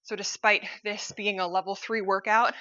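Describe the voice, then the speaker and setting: A woman's voice: medium pitch, flat delivery, moderate pace, pushed and bright, highs cut off. A woman fitness instructor cueing a cardio workout while she exercises, upbeat and encouraging.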